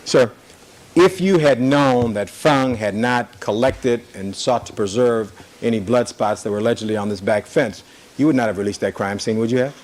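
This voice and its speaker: A man's voice: medium pitch, normal speed, a little mellow, a little hiss or hum. Male attorney, courtroom recording: mid-range voice, insistent, repeats leading questions. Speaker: attorney cross-examining. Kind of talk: courtroom cross-examination.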